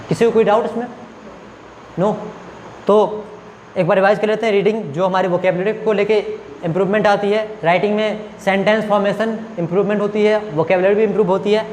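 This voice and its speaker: High-voiced man teaching in an echoey room. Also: a little mellow, a little hiss or hum. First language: Hindi. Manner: explains step by step, checking understanding. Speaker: spoken English teacher. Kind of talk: classroom lecture.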